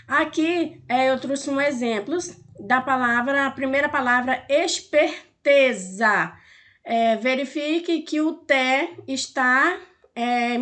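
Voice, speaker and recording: A woman with a Brazilian Portuguese accent teaches a recorded lesson in a high, light voice. She speaks slowly and patiently, filling gaps with small hesitations and checking in with her students. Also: fairly bright tone. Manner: slow explaining with many "é" fillers and "tá?" checks.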